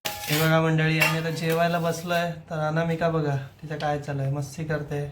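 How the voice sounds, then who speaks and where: A man talks matter-of-factly to viewers while sitting down to eat at home. His voice sits fairly high but barely moves in pitch. Dishes and cutlery clatter loudly behind him. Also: monotone, normal speed, noisy background. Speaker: family vlogger. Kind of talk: casual home vlog chat. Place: home at the dinner table.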